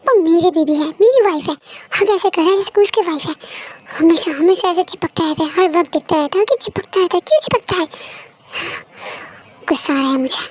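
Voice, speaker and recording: A woman's voice: very high voice, fast talker, a little mellow. A woman voicing a jealous young husband grumbling to himself and sulking. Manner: grumbling, sulky self-talk.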